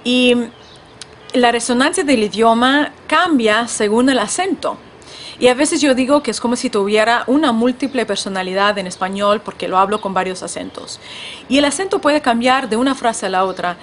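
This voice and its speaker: Woman podcast host, slightly high-pitched, thoughtful and halting, accent drifts between varieties, faint background noise. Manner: thoughtful, with frequent restarts and fillers; Spanish shifting between several accents. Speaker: podcast host and language author. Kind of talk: reflective personal monologue. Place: California.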